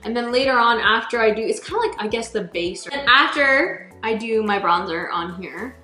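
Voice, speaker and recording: A woman's voice: on the high side, animated, moderate pace, sharp tone. A young woman chatting casually, giggly and tipsy, often poking fun at herself. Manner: giggly, tipsy, self-deprecating. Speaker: co-host of a sisters' makeup tutorial. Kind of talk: casual chat. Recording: roomy echo, music clearly behind.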